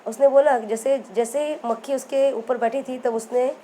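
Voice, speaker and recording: Woman teacher narrating a children's story, fairly high and mellow, checks the class with questions. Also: fairly even intonation, normal speed, slight background noise, low-quality recording. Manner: repeats and quizzes the listeners.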